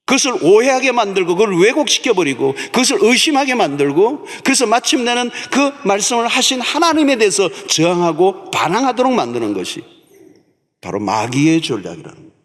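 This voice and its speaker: A male pastor delivers an emphatic sermon from the pulpit, hammering home key words by repeating them. His voice sits high and swings widely in pitch, from soaring peaks down to hushed, low moments. A long reverb from the large sanctuary trails after each phrase. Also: big pitch swings, fairly quick. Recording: long church hall reverb.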